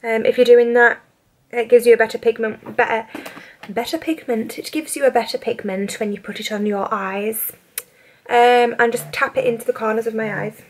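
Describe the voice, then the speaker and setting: A woman's voice: fairly high pitch, fairly even intonation, moderate pace, slight background noise. A woman in her twenties with a British accent, chatting casually through a makeup tutorial, rambling with lots of fillers. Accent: British English. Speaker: beauty vlogger. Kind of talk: casual get-ready-with-me chat.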